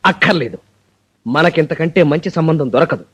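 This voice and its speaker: A pushy would-be groom. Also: male voice, fairly high pitch, lively intonation, normal speed, husky. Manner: pushy, bossy, impatient. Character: eager middle-aged man desperate to marry. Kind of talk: comic film dialogue.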